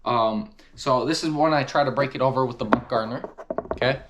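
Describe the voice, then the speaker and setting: A man's voice: medium pitch, a little fast, muffled recording, noisy background. Casual man giving an enthusiastic gear review. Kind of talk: casual product review to camera.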